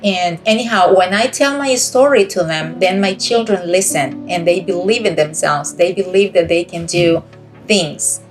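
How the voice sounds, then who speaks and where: Over a video call, a middle-aged guest speaker from Costa Rica shares a heartfelt, uplifting testimony in her Costa Rican accent. She speaks at a normal speed in a lowish voice while music plays in the background.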